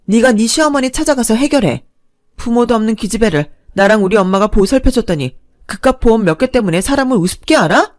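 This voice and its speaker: An angry young woman shouts in indignation, as a woman plays her. The voice is loud and close, in a dry space. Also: a little high, no echo, voice pushed up, close to an everyday voice. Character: angry young woman, insurance-selling friend.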